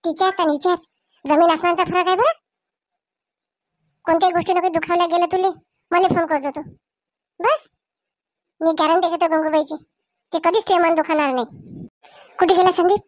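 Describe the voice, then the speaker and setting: A woman playing a bossy, shrill village aunt. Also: steady tone, brisk, long pauses, no room sound, clean studio sound. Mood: reassuring. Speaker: actor in comedy skit. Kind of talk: village comedy skit acting.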